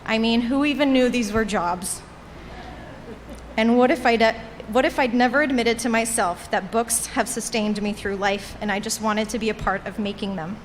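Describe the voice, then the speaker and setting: A woman in her late twenties, a native Portuguese speaker, gives a heartfelt commencement speech from a podium at a graduation ceremony. Her voice is on the high side and her delivery earnest and measured, echoing through a reverberant hall with faint ambient noise.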